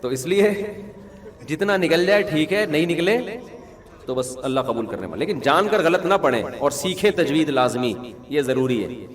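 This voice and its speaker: A man's voice: on the high side, lively intonation. A man, a mufti answering questions in a conversational religious talk, mixing rulings with humorous anecdotes and checking that listeners follow. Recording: long hall reverb.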